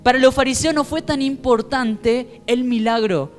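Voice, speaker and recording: A man with a Rioplatense Spanish accent, a pastor preaching a sermon in an animated storytelling way, acting out the voices he quotes. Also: very high voice, unhurried, soft background music.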